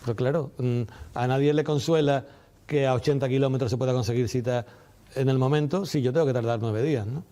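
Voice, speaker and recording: A man giving measured, didactic interview answers, repeating key phrases for emphasis. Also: medium pitch, steady tone, dark tone. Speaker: doctor and medical representative being interviewed.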